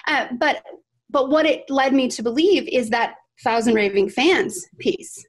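A woman's voice: high-pitched, unhurried. A woman on a video call, a guest podcaster chatting with enthusiasm and lots of "like" and "right?". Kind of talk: casual video-call discussion.

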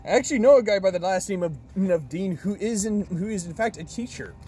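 A man's voice: high voice, lively intonation, fast talker, warm tone, slight background noise. A man in casual chat, playfully reading card names aloud.

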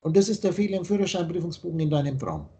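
A man's voice: a little high, lively intonation, racing, dark tone. A man teaching on a video call, lecturing insistently and spelling out letters as he explains. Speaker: spiritual teacher.

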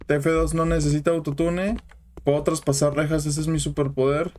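A young man with a Mexican accent hosts a gaming channel, casually commenting on a horror game while chatting with viewers. His voice is a little high, a little mellow and level in tone, and a bit fast; he gets jumpy, yelping and swearing whenever something scares him.

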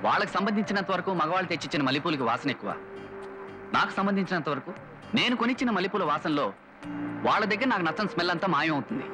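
Cocky carefree young man, animated voice, light music under. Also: high-pitched, very fast, low-quality recording. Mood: breezy. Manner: breezy, boastful chat with chuckles. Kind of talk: dubbed film dialogue.

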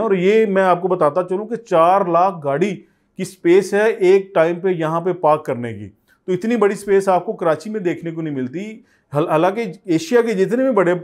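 A man in his thirties with a Pakistani Urdu accent, a real estate agent giving a persuasive sales pitch to camera in an office studio on a lapel mic. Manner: persuasive, urging viewers to buy. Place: office studio set, indoors.

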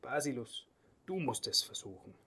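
A man's voice: mid-range voice, big pitch swings, moderate pace, sharp tone, breathy edge, heavily acted. Hieronymus, a vain collared bear, as a man reads him. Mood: fussy. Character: vain, sleepy, fussy younger male collared bear.

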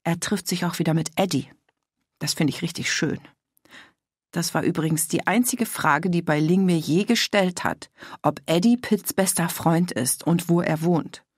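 A woman's voice: on the low side, a little slow, a little mellow, dry recording, clean studio sound. Woman doing an outraged, gossipy middle-aged mother. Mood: grumbling. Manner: agitated, voice cracking with outrage.

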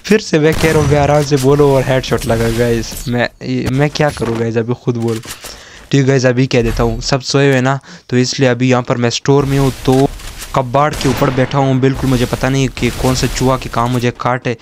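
Gaming host, male, keeps his voice low at night, steady mid pitch, gunfire from the game clearly audible. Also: noisy background. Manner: speaks softly and slowly so as not to wake others. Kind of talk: hushed game commentary. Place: storeroom at night, sitting on junk. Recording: game gunfire and clicks underneath.

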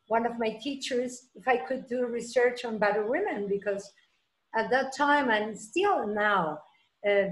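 Peruvian-born woman on a video call, talks slow and halting, roomy echo. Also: fairly high pitch. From Peru. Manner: halting, many restarts and fillers. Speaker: presenter, trauma clinician. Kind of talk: online roundtable talk. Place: room at home. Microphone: laptop webcam, video call. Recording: echoey room on a video call.

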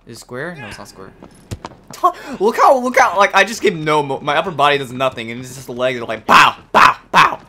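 A young man casually commenting on his gameplay, excitable, swearing and joking and talking to his horse in the game. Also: a little high, a little fast, a little hiss or hum. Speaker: gameplay streamer. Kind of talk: casual let's play commentary. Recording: game music loud behind the voice. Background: video game music and sounds.

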